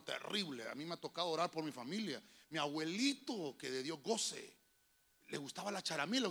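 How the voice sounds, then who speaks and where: A man preaching as a pastor with a Honduran accent, telling folksy family stories and calling the listener "hermano", building to shouted preaching. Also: high-pitched, creaky. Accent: Honduran Spanish. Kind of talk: sermon with personal anecdotes. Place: church.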